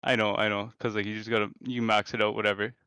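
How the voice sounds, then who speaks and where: Young man, from Canada, bright, crisp, laid-back slangy chat. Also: lowish voice, little pitch movement, fast. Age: 20s. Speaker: dating show contestant. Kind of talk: casual chat on a video call. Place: bedroom, indoors.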